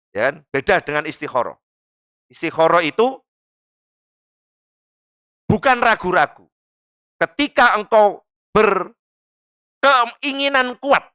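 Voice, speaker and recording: A man with an East Javanese accent teaching a religious lesson in a mosque, his voice bright and clear with a pitch that swings up and down. He talks in a lively, joking way and slips into local dialect. The sound is dry and close. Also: dry recording. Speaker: Islamic teacher. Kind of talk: religious study lecture.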